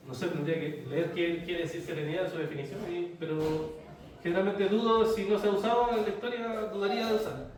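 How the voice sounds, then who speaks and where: A man's voice: high-pitched, steady tone, fairly quick. A man teaching a church Sunday school class, explaining with everyday examples and checking in with his listeners. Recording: echoey room, mic at a distance.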